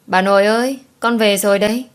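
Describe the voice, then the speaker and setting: A woman's voice: mid-range voice, moderate pace, close to an everyday voice. A woman voicing a clingy, tearful eight-year-old girl in an audiobook, pleading in a raised child voice. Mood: eager.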